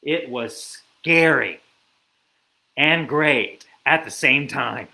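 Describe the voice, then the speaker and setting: A man reading a children's picture book aloud, with animated storytelling and asides to a listener. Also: mid-range voice, very slow, creaky, reverberant, low-quality recording.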